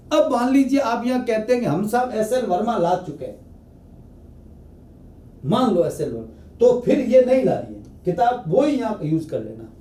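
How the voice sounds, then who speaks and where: A high-voiced male teacher gives exam advice, repeating each point bluntly. His tone is mellow and unhurried. He sounds far from the mic in an echoey room. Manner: direct, repetitive advice to students. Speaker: political science teacher. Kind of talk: exam preparation lecture.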